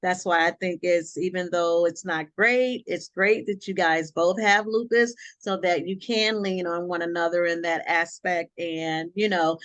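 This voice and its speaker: A woman's voice: on the low side, fairly even intonation, a little slow, few pauses, a bit bright, dry recording. A woman hosting a casual webinar interview, supportive and chatty with many fillers and restarts, on a video call. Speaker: webinar host, sorority member.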